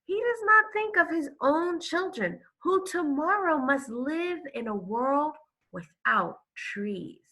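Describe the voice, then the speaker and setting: A woman's voice: sits high, animated, slow, pushed and bright, voice pushed up, heavily acted. A woman voicing an earnest storybook anteater, speaking in an emphatic, admonishing way. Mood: earnest warning.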